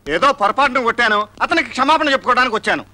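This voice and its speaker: A man's voice: very high voice, animated, racing, pushed and bright, full character voice. A man playing a cocky film hero, trading teasing jabs in a film comedy.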